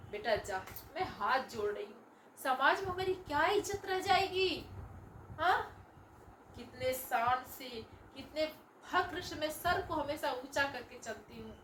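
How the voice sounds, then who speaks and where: A woman playing a moralizing middle-aged mother, high and echoey. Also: fairly bright tone, a little hiss or hum, exaggerated voice. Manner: pleading, moralizing, reproachful. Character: worried middle-aged mother scolding her married daughter. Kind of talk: home family drama acting. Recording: roomy echo, voice from a distance.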